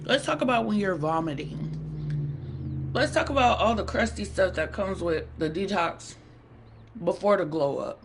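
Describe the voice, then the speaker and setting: A woman's voice: lowish voice, expressive, normal speed, long pauses, a little hiss or hum. A woman hosting a casual livestream, chatting playfully with viewers while she eats. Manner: chatty, playful, bantering with the chat; talks while eating. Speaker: livestream host.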